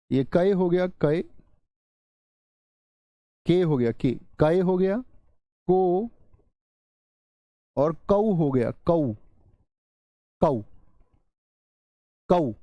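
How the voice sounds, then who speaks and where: High-voiced male Hindi teacher drilling letters. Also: dark tone, dry recording, muffled recording. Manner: drills aloud, quizzing students and repeating sounds. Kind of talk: online exam-prep class.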